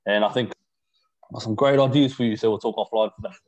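A man's voice: on the low side, steady tone, fairly quick, a little mellow. A man hosting a casual, slangy interview. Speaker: podcast host. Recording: slightly dull call audio.

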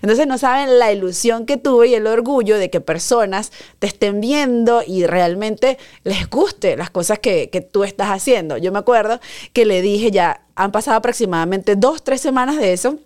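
A woman hosting a podcast, telling a personal story in a casual, animated way and acting out the quoted voices. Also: moderate pace. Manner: animated, acts out quoted voices, dramatic pitch jumps. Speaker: podcast host.

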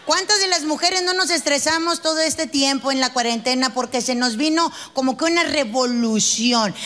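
A woman's voice: high-pitched, a bit bright, in a large hall. A woman with a Mexican Spanish accent doing a brash, profane stand-up routine, acting out quarrels in quoted voices. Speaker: stand-up comedian.

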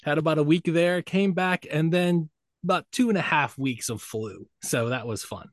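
A man's voice: on the high side, moderate pace, no echo, studio quality. A man hosting a podcast in casual chat, joking and laughing often. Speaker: podcast host.

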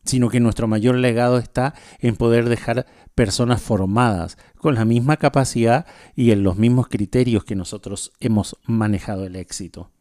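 A man hosting a radio segment, talking in a measured, reflective way about leadership before introducing a song. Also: medium pitch, steady tone, mellow, no room sound, clean studio sound. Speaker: radio host. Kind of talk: spoken talk on leadership, then a song introduction.

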